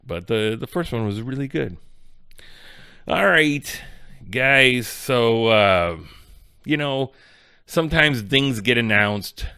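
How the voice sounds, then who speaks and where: A man's voice: fairly low pitch, a bit bright, dry recording, clean studio sound. A man hosting a casual solo gaming podcast, rambling and ranting in exasperation. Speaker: podcast host.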